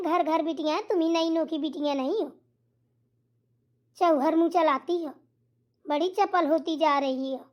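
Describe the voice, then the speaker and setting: A woman voicing a stern older mother-in-law in a cartoon, scolding and lecturing slowly. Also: extremely high pitch.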